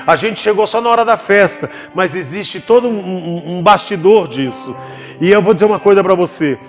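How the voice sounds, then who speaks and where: A man with a Brazilian Portuguese accent, a pastor giving an animated testimony in church and acting out the voices in his story. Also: sits high, moderate pace. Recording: long hall reverb with faint music behind.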